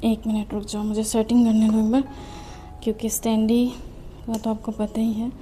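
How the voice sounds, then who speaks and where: A woman's voice: a little high, monotone, moderate pace, warm tone, slight background noise. A young woman student chatting casually while tidying her study desk, self-mocking and a little out of breath. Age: young adult. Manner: chatty, self-mocking, mixing in English phrases. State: slightly out of breath. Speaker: student vlogger. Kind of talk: casual desk tour chat. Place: her study room at home.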